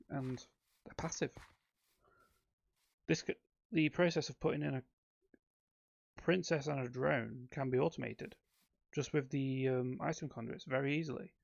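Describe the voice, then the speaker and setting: A man's voice: mid-range voice, unhurried, gravelly, long pauses, no room sound, muffled recording. A man giving casual, rambling commentary on his own gameplay, with frequent ums and self-corrections. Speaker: let's play host.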